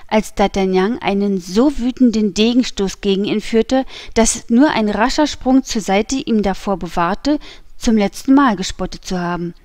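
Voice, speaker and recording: A woman reads a classic novel aloud in steady, measured narration at a middle pitch. The sound is close and completely dry, with no room tone. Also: dry recording. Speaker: audiobook narrator.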